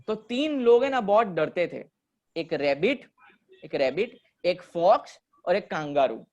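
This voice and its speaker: A man's voice: sits high, very animated, a little slow, a little mellow. A man teaching an online commerce class and telling a story to his students while he quizzes them. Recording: dull lo-fi audio.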